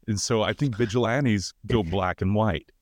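A man's voice: on the low side, normal speed, no echo, clean studio sound. A man co-hosting a casual film podcast, talking loosely with many fillers and restarts. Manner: loose, hesitant, lots of fillers. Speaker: podcast co-host.

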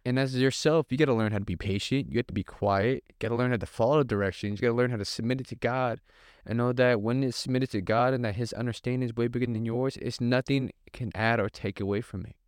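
A man's voice: medium pitch, quick pace, smooth, no echo, studio quality. A man hosting a podcast, giving a casual, earnest faith talk that builds through repeated phrases in a conversational preaching manner. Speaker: podcast host.

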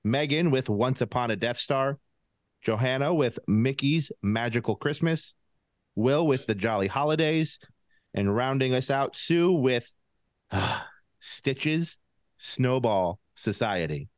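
A man's voice: mid-range voice, a little slow, no room sound, studio quality. A man with a lisp hosting a casual podcast game, laughing often as he runs the draft.

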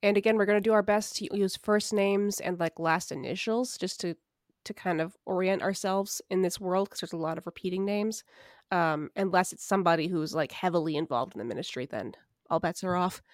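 Recorded dry and at studio quality, a woman with a lowish voice talks fairly quickly while co-hosting a laid-back podcast. Her sickness shows in a mildly nasal, scratchy sound, and her humor is wry and self-deprecating, broken up by plenty of laughter.

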